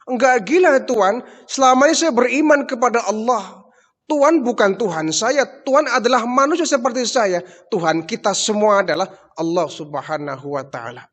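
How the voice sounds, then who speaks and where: A man's voice: very high voice, moderate pace, fairly bright tone, voice pushed up. A preacher voicing a steadfast woman of faith. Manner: firm, declaring, unafraid. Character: steadfast devout woman servant, defiant, calm. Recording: long hall reverb.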